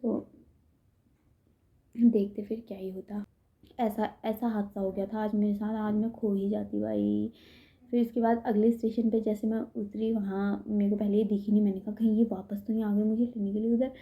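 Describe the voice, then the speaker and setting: A woman's voice: medium pitch, level tone, fairly quick, creaky, phone-quality sound. A young woman from India telling a story in a casual vlog, chatty and tired, calling her viewers brother and guys. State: tired, head aching. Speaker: vlogger. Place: indoors at home.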